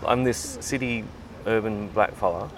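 A man with an Australian accent talks in a slightly low voice. He chats casually as an interviewer, thoughtful and halting as he forms each phrase, with faint noise around him. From Sydney, Australia. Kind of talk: casual chat.

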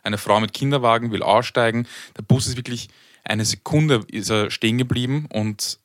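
A man's voice: mid-range voice, steady tone, normal speed, dry recording. Ranting Viennese man, dry close sound. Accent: Viennese German. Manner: ranting, blunt, swearing. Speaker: podcast co-host. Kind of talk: casual chat.

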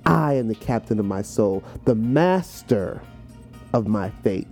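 Over faint music, an American podcast host with a fairly low, darkish voice speaks expressively and a little slowly. His informal, conversational motivational talk explains a poem, emphatically unpacking what words mean and repeating phrases for emphasis.

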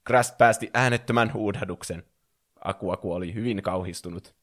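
A man's voice: fairly low pitch, a bit bright. A man reading a fan fiction story aloud in a playful way, acting out the characters.

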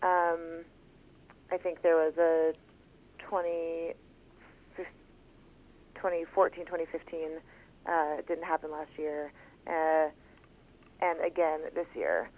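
An American woman explaining things as an interview guest, in a hesitant, measured way, over the telephone. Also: sits low, steady tone, a little hiss or hum. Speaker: interview guest, contest participant. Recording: tinny phone line.

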